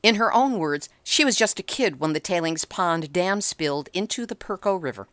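A woman reporter narrating a news feature in a measured, steady way. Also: lowish voice, dry recording. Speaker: radio reporter.

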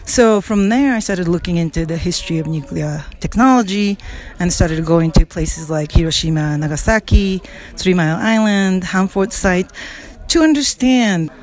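A woman's voice: on the low side, normal speed, a little mellow. A woman from Japan, a native Japanese speaker and researcher, talking thoughtfully in an interview. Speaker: researcher at an event. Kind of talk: interview statement.

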